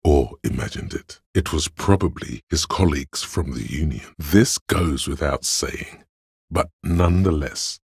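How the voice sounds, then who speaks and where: Logic, a gravelly, bottomless inner voice. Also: male voice, no echo, heavily acted. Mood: dry, deductive. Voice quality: very deep, gravelly, husky. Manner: measured, deadpan, dry and matter-of-fact. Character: cold, analytical, condescending male inner voice of logic. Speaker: video game voice actor. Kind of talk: scripted second-person inner-voice narration.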